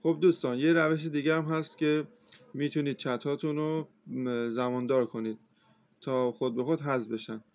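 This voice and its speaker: A man working as a computer instructor walks through a phone tutorial step by step in a casual, relaxed way. He sounds hesitant, with many filler sounds, and his voice sits at a medium pitch. The recording has a slightly dull, lo-fi quality.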